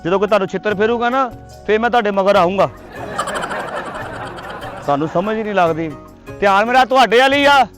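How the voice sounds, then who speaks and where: A man's voice: high voice, a little fast, pauses often, music in the background. A man acting as a village goat herder in a comedy sketch, protesting and pleading outdoors.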